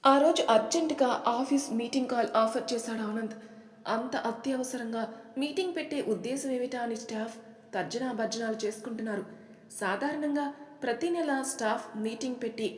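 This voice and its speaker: Woman narrating a story in an echoey room. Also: fairly high pitch. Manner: calm, measured storytelling. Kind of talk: scripted narration. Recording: echoey room with long reverb.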